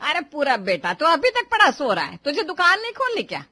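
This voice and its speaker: A woman's voice: a little high, expressive, moderate pace, sharp tone, no echo. A woman voicing a scolding middle-aged mother who lectures her grown son. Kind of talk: Hindi cartoon voice acting.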